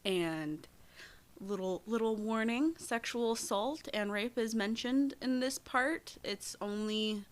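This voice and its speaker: A woman's voice: a little high, takes it slowly. A young woman co-hosting a true-crime podcast, chatting casually with lots of fillers, restarts and giggles. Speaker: podcast co-host.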